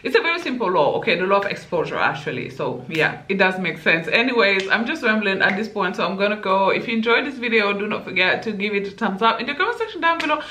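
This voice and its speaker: A woman vlogger giving her opinion straight to her viewers, blunt and animated. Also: medium pitch, quick pace, hardly any pauses, a little hiss or hum. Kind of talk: opinion vlog. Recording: echoey room.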